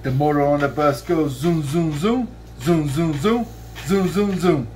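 In a bedroom, a man in his thirties lies on a bed singing his child a children's song from a book, his fairly high, darkish voice a little slow. It's playful and sing-song with drawn-out line endings, picked up by a camera a few feet away with a little hiss or hum.

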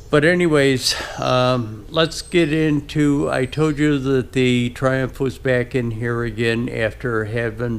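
A man in his fifties giving a casual workshop update from a large indoor garage, talking haltingly with many fillers and throat clearing. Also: medium pitch. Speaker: restoration shop owner. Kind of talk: casual shop update vlog. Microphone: action camera on head or chest.

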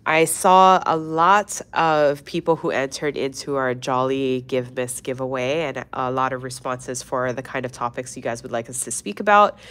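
A woman's voice: rumbling low, a bit bright, clean tone. A young woman with a stuffy, congested voice hosting a weekly nail art livestream, chatting casually with many fillers and restarts. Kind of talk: casual livestream tutorial chat.

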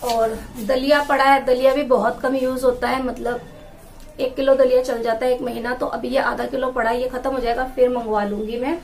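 Her voice is high with little pitch movement and a moderate pace, and there's slight background noise. She's a woman in her thirties who vlogs as a housewife, chatting as she handles jars and bags to show off her groceries in a small tiled room with a wooden door.

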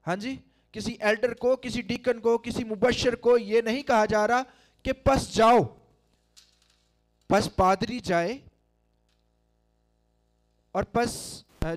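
Slow, high-voiced preaching man. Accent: Pakistani Urdu. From Pakistan. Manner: preaching with rising, emphatic calls to the congregation. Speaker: pastor. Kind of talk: sermon. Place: large church hall, standing at a pulpit. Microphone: handheld microphone.

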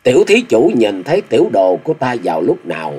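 A man voicing a stern male Taoist priest who questions loudly. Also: medium pitch, wildly swooping pitch, a little fast, husky, faint music behind. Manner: loud, interrogating.

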